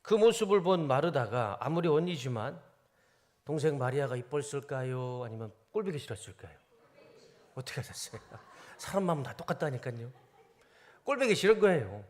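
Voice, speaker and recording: A male pastor giving a sermon in a church, animated and often putting questions to the congregation. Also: medium pitch, a little fast. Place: church sanctuary.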